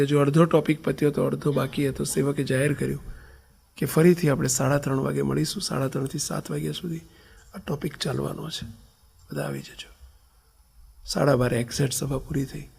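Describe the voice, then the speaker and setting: Speaking briskly with fairly even intonation, this Gujarati-accented man gives a storytelling sermon as a swami. His husky, gravelly voice sits a little high, moving from stressed, loud phrases to quiet near-whispers.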